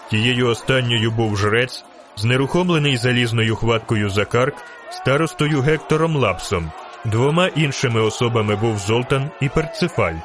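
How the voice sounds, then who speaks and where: A man reading a fantasy novel aloud in steady storytelling narration. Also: medium pitch, background noise. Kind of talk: audiobook narration.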